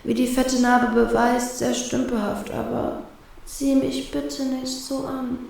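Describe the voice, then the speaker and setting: A woman reads a prickly young pirate woman, hurt and weakened, in a fan-fiction audiobook. The voice sits high with a gravelly fry and sounds strained and often hushed. It rings in a very roomy, echoing space. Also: little pitch movement, slow, heavily acted. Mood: weak, fearful.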